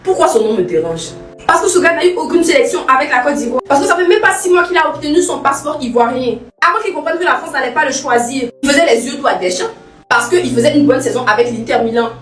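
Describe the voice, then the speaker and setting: A woman giving scripted commentary, firm and indignant, running through a list of names. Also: high-pitched. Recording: roomy, distant mic.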